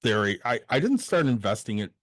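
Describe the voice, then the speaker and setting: A man's voice: medium pitch, very animated, fairly quick, fairly bright tone, no echo, clean studio sound. A man in his forties co-hosting a casual podcast, blunt and jokey, swearing freely. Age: 40s. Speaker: podcast co-host.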